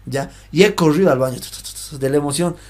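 A young man co-hosting a podcast, telling childhood stories in a joking, slangy, animated way. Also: a little high, fast. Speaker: podcast co-host. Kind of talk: casual chat.

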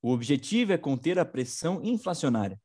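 A sarcastic man co-hosting a news show, his voice sitting a little high. His delivery swoops up and down as he jokes through the headlines. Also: big pitch swings, fairly quick, darkish tone. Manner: sarcastic, slangy. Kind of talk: informal political news commentary.

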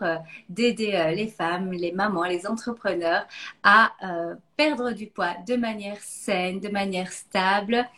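A woman's voice: mid-range voice, a bit bright. Belgian-born woman hosting a live video call interview, friendly and chatty, lots of ums. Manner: friendly, chatty, many hesitations. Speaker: host.

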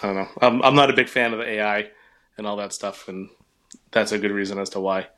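A man's voice: on the low side, fairly even intonation, fast talker, a bit bright. New England man, podcast co-host, loose storyteller who laughs a lot and swears freely. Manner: laughs often, storytelling with profanity. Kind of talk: casual chat.

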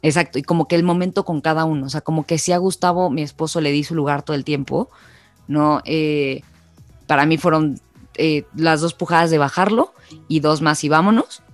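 A woman's voice: deep voice, steady tone, brisk, dry recording, faint music behind. A young Mexican woman co-hosting a podcast, telling a personal story in a chatty casual way. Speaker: podcast co-host. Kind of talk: casual chat.

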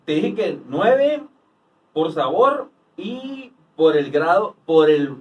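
A man's voice: on the high side, sing-song, takes it slowly, highs cut off. A young Mexican man joking with crude slang during a casual beer-tasting chat. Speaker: co-host. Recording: voice a bit far from the mic.

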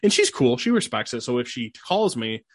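A man's voice: mid-range voice, a little fast, breathy edge, dry recording, clean studio sound. A young man co-hosting a podcast, talking loosely and acting out other people's reactions. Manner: animated, acts out others' voices. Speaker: podcast co-host. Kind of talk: casual chat.

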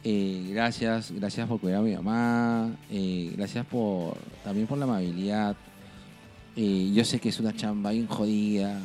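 Swearing freely and laughing as he tells stories, this man co-hosts a casual podcast chat in a Peruvian Spanish accent. His voice is on the low side and darkish, with a steady tone and a slightly slow pace, over soft background music.

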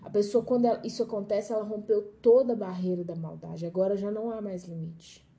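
A woman's voice: mid-range voice, steady tone, quick pace, warm tone. A middle-aged Brazilian woman preaching an informal Bible lesson, with homely examples and joking asides to her listeners.

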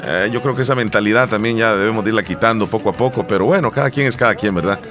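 A man co-hosting a casual talk show, telling a story with lively quoted lines and frequent restarts. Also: on the low side, racing, over music. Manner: animated storytelling, acts out quotes, many restarts. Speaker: co-host. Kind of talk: casual chat.

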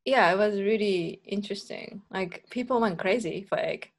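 A woman's voice: medium pitch, normal speed. Chatty woman guest. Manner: chatty, many fillers, playful laughs. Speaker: podcast guest. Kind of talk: casual interview chat.

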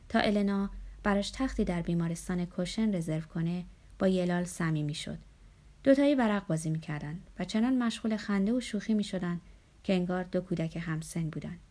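A woman reading a first-person novel aloud as an audiobook narrator, in a steady, measured way. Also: on the low side.

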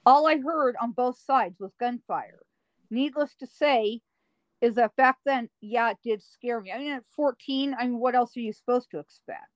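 A woman's voice: fairly high pitch, no echo, poor audio. Dramatic woman storyteller, dry sound. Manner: deliberate, dramatic storyteller with drawn-out emphasis. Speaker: guest recounting paranormal experiences. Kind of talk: first-person storytelling in an interview.

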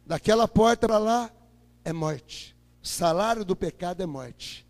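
High-voiced, gravelly Brazilian preacher. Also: male voice, lively intonation, a little slow. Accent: Brazilian Portuguese. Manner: emphatic, swings between loud declarations and low murmurs. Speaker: preacher giving his testimony. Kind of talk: impassioned testimony sermon. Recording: echoey hall with long reverb.

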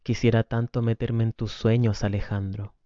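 A man reading the lines of a weary wife and mother, gentle with the children and hurt with her husband, on a dull lo-fi recording. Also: lowish voice, flat delivery, moderate pace, no room sound, lightly acted.

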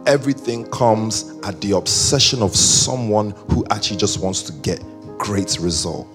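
Male pastor, chatty joking sermon delivery; low, gravelly, faint instruments underneath. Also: normal speed, music in the background. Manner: conversational, joking, rambling asides.

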